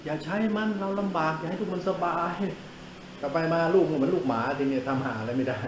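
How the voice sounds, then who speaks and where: Older thai-sermon monk guy, blunt and coarse, kinda high voice, echoey room. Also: lively intonation, quick pace, slight background noise. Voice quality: coarse, scolding, laughs at his own jokes.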